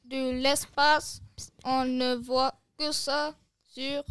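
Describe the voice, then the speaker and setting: A woman's voice: sits high, little pitch movement, drawn-out words, fairly bright tone, smooth, no echo, clean studio sound, heavily acted. A woman reading the part of God, a male creator painting the world, in a read-aloud storybook tale. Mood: deliberating.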